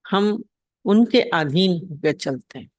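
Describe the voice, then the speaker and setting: A man's voice: high-pitched, animated, slow pace, a little mellow, no room sound, studio quality. A man giving a devotional discourse on scripture as a spiritual teacher. He repeats his points and asks his listeners rhetorical questions.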